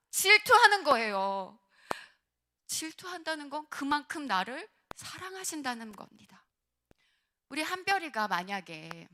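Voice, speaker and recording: A woman pastor preaching a sermon to young adults, asking them direct questions and swinging from soft near-whispers to loud, fervent passages. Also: on the high side. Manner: talks directly to listeners, asks questions.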